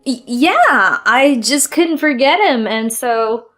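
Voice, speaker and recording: Young mistress, woman voicing, high and tearful, pleading. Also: lively intonation, takes it slowly, fairly bright tone, soft background music, exaggerated voice. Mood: flustered.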